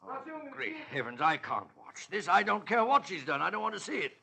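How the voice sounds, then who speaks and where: A man with a British accent playing a kindly, flustered gentleman doctor in 1940s radio drama, exclaiming and blustering. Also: high voice, sing-song, brisk, creaky, breathy edge, full character voice. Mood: shocked, distressed. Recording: old radio broadcast.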